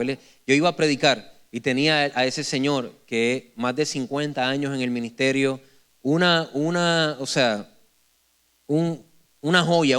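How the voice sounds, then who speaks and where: A man's voice: medium pitch, a bit bright, clear, resonant tone. A man in his forties, a pastor, preaching a sermon to his congregation in a church, telling stories animatedly and joking with the people, often restarting his phrases. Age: 40s. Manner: frequent self-corrections and restarts. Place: church sanctuary before a congregation.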